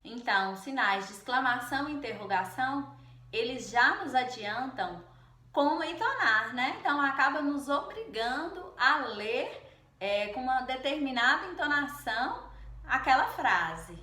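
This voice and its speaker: Bright-voiced woman teaching Spanish. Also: high-pitched, very animated, a little slow, echoey room. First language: Portuguese. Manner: explanatory, frequent "né?" tag questions. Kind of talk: online language lesson.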